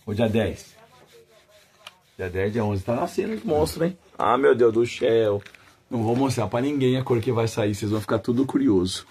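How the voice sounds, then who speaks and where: This dog breeder has a medium-pitched, somewhat dark voice. He chats casually with his dogs and his viewers, cooing fond baby talk at the animals, and his manner is folksy and devout.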